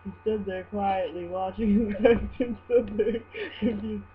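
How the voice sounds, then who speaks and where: Halting woman reading a story, muffled recording. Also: mid-range voice, steady tone, a little hiss or hum. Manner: halting, stumbles over words and breaks into giggles. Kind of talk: amateur dramatic reading of fan fiction. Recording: muffled, humming home recording.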